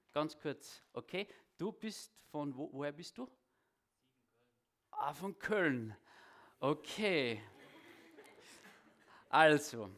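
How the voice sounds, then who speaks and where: A preacher giving a sermon and prayer in a church hall, speaking with a halting delivery that often repeats words. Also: male voice, a little high, fairly bright tone. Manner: halting, repeats words, self-deprecating asides.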